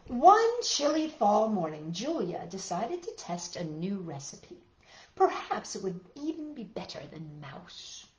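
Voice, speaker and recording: With a medium-pitched voice, huge pitch swings and a measured pace, a woman gives an expressive children's read-aloud of a picture book. She leans into dramatic moments and talks chattily to her young audience, in a room with lots of echo.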